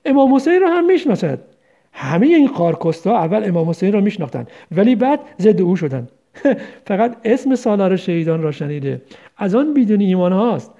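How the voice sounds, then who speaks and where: Brief: a contemptuous, pious-sounding jailer sneering, high-pitched and warm-toned, read by a man. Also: vocal fry, lo-fi sound. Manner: mocking, contemptuous. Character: scornful male interrogator, mocking and self-righteous.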